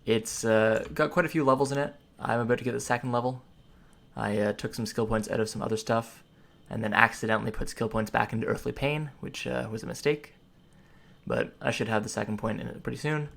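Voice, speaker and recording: A man's voice: mid-range voice, steady tone, brisk, vocal fry, a bit bright. A man giving casual, explanatory gameplay commentary, rambling through ability names and tips as he plays. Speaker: gamer giving a character class guide. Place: indoors at a computer, voice over gameplay.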